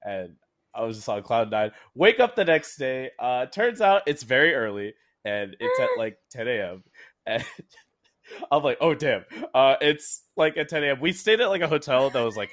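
Animated young man telling a story. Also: medium pitch, moderate pace. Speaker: guest player. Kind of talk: casual storytelling.

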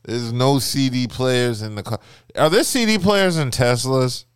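A young adult man co-hosting a podcast in casual chat, telling stories in an animated, profane way. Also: mid-range voice, unhurried, smooth, no echo, studio quality. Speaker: podcast co-host.

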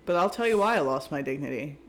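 A man's voice: on the high side, expressive, quick pace, fairly bright tone, a little hiss or hum. A man co-hosting a casual podcast, rambling and joking, swearing freely. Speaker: podcast co-host. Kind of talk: casual chat.

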